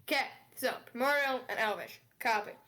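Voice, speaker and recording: A woman's voice: fairly high pitch, fairly quick, pushed and bright, poor audio. Woman game master on group voice chat. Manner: casual, loose, with many fillers. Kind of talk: narrating a tabletop game over group voice chat.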